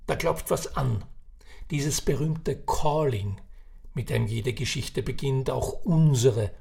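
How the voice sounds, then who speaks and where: A man's voice: medium pitch, gravelly, darkish tone. A man narrating his own reflective text like an audiobook, musing and addressing the listener directly. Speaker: narrator and author.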